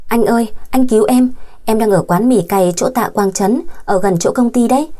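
Brief: woman reading as a wronged young woman in a storybook, scornful and urgent, mellow voice. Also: a little high, normal speed, natural voice. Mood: pleading. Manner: pleading and contemptuous. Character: betrayed, angry young woman.

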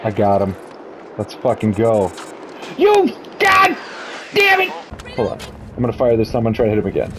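A man's voice: fairly low pitch, steady tone, fast talker. A man playing a shooter game with a friend, giggly and teasing, cursing now and then. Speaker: video game player. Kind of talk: casual gameplay banter. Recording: game noise behind.

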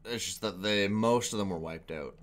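Low-voiced man, casual reactions. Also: normal speed. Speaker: reaction host. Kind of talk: casual off-the-cuff commentary. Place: small room at home, indoors.

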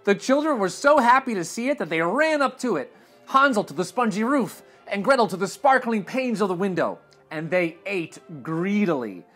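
Here the young read-aloud host has a high voice and reads at normal speed, with soft music in the background. He brings the children's storybook to life with animated, expressive delivery and big tonal swings, recorded indoors in a living room with a sofa.

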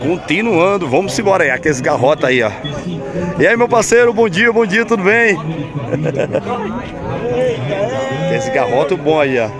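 A man's voice: sits high, big pitch swings, unhurried, pauses often. A man with a Northeastern Brazilian accent vlogging casually outdoors, chatty and upbeat as he greets sellers and calls out to his viewers. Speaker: vlogger touring a cattle market. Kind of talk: casual walk-around vlog with interviews. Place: outdoor cattle market, busy crowd. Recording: loud crowd noise outdoors.

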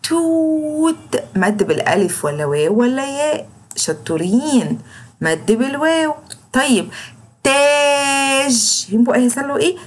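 A young woman teacher with an Egyptian Arabic accent, giving an online lesson to young children and slowly drawing out the sounds of letters and words. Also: on the high side, very animated, a little mellow, slightly rough. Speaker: kindergarten teacher.

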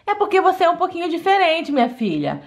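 A woman's voice: extremely high pitch, huge pitch swings, fast talker, pitched above the performer's own voice, heavily acted. A woman voicing a patient mother in a doll play story, coaxing and soothing, often saying the child's name.

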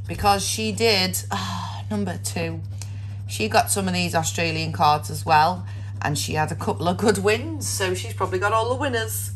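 A woman's voice: lowish voice, a bit bright, a little hiss or hum, low-quality recording. A woman giving casual, chatty commentary, thinking aloud as she hosts a video of herself playing. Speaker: host of a scratch card video.

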